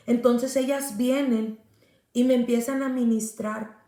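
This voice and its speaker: A woman's voice: fairly high pitch, steady tone, a little slow, mellow. A woman pastor giving an earnest personal faith testimony, speaking directly to her listener. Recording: roomy echo.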